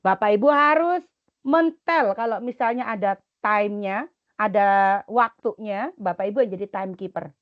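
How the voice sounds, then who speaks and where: A middle-aged woman with an Indonesian accent, coaching students and teachers in a webinar, instructive and lively, sometimes dropping to soft murmured chants. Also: medium pitch, normal speed, muffled recording. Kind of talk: webinar talk.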